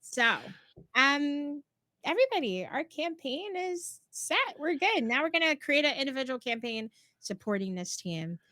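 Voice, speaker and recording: A woman with a high-pitched, sharp, very animated voice speaks unhurriedly in a dry, studio-quality recording. Co-hosting a live stream tutorial as a platform guide, she upbeatly affirms viewers while walking them through each step, though she's slightly losing her voice and sounds a bit worn.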